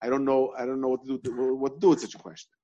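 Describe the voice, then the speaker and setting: A man's voice: medium pitch, flat delivery, racing, warm tone, lo-fi sound. Man teaching a Talmud class. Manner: repetitive, questioning, restarts often.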